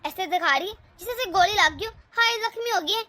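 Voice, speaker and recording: A woman's voice: very high voice, brisk, bright, forceful tone. A woman voicing a harsh, sarcastic older mother-in-law in a cartoon story. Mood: grumbling. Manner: taunting, sarcastic. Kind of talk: cartoon voice acting.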